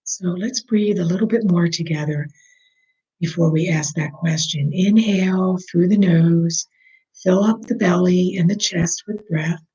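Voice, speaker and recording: This is a slow, soothing breathing meditation led by a guide who speaks softly at medium pitch, sometimes almost in a whisper. The sound is lo-fi.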